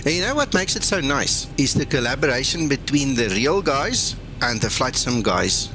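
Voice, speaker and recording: A man's voice: mid-range voice, sing-song, moderate pace, noisy background. A man from South Africa with an Afrikaans accent, chatting casually as the host of a flight sim livestream.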